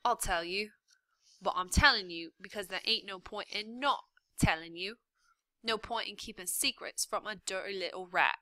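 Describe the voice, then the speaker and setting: Woman doing a gruff rough-spoken prisoner. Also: medium pitch, moderate pace, dry recording, lightly acted. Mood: blunt. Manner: rough, blunt, louder delivery.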